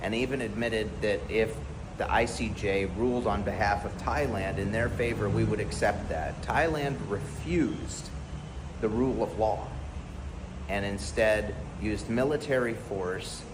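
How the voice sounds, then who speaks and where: A man's voice: fairly low pitch, unhurried. A man from the United States giving an earnest, blunt and emphatic spoken commentary to camera. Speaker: vlogger. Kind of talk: impassioned direct-to-camera commentary. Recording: background noise clearly audible.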